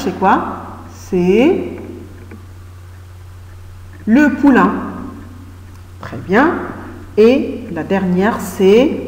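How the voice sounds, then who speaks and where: A woman teacher takes a children's reading lesson at a very slow pace, pronouncing syllables one at a time and praising her pupils often. Her voice rings in an echoey room with a long reverb tail. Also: medium pitch, darkish tone.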